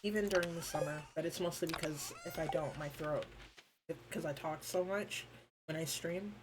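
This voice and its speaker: Woman, streamer, casual rambling chat, informal, lowish voice, noisy recording. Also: moderate pace. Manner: rambling and informal, with frequent fillers and swearing.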